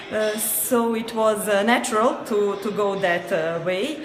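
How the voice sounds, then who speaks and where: Unhurried Serbian-accented woman, echoey crowd. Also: mid-range voice. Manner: hesitant, many fillers, light laughs. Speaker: guest, company co-founder. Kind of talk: interview answers. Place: noisy event venue. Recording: echoey busy venue with crowd.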